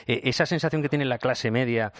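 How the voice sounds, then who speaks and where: A man's voice: medium pitch, fairly quick, no echo, studio quality. A male interviewer who asks long, winding questions in a conversational way. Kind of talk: radio interview.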